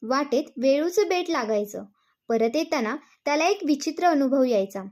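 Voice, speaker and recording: High-pitched woman reading a devotional story, smooth even storyteller delivery. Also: normal speed. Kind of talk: scripted narration.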